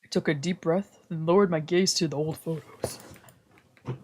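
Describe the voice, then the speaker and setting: Reading game narration aloud in the first person, this streamer has a medium-pitched, mid-range voice that stays fairly even at normal speed. They translate the visual novel's lines and slip in whispered asides.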